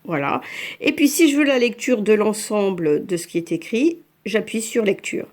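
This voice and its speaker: Big pitch swings mark this woman's mid-range, darkish voice as she gives a screen-by-screen app tutorial to French learners. She is slow and patient, describing aloud every tap she makes.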